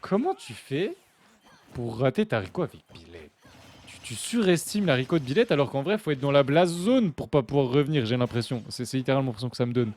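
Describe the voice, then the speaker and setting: Chatty young male game caster. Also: medium pitch. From France. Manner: chatty, jokey, talks to chat, bursts of excitement. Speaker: esports commentator and stream host. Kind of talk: live casual game commentary.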